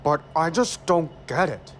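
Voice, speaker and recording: Man as a fairly high-voiced talking train. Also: a little slow, fairly bright tone, slight background noise. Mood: scheming, annoyed.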